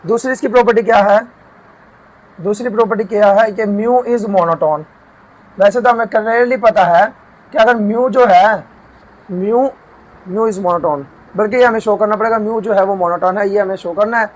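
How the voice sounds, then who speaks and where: A man teaching math, walking through a proof and slowing down to dictate each formula term by term. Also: sits high, rough recording. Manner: often checks in with "theek hai". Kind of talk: lecture explaining a proof.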